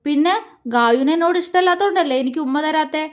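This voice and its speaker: A woman's voice: high-pitched, fast talker, pitched above the performer's own voice, natural voice. A woman voicing a young man with a childlike mind who is stubborn and sulky, speaking in a pleading, childish, insistent way.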